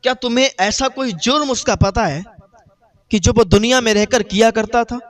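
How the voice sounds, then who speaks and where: Preacher doing a calm pious man asking questions, high voice. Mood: questioning. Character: pious men gently questioning a mourner.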